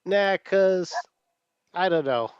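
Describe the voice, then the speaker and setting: A man's voice: sits high, animated, slow pace, clear, resonant tone, dry recording. A man competing on an online game show, playful and chuckling between remarks. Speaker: contestant. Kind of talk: casual banter on a voice call. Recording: slightly dull lo-fi mic.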